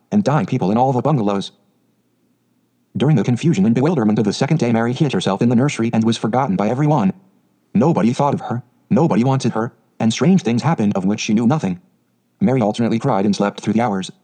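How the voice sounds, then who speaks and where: A man narrating an audiobook in a brisk, steady storytelling manner. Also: mid-range voice, low-quality recording.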